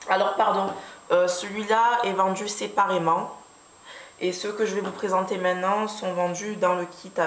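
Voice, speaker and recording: A woman vlogger casually showing her makeup brushes, talking slowly with many hesitations and fillers. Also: on the low side. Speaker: beauty vlogger. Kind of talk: casual product review. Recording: echoey room with faint background hiss.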